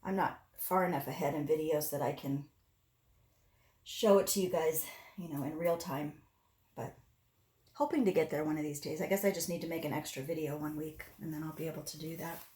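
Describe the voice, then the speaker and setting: Woman with a lowish voice narrating crafts. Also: steady tone, darkish tone. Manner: unhurried, talking through each step. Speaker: host of an acrylic pour painting tutorial. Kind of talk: casual craft demonstration, narrating as they work.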